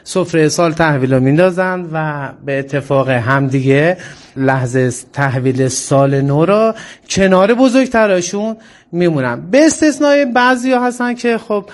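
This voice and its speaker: A male interview guest with a high-pitched voice and an Isfahani accent. He talks politely, with some hesitation, in a radio conversation.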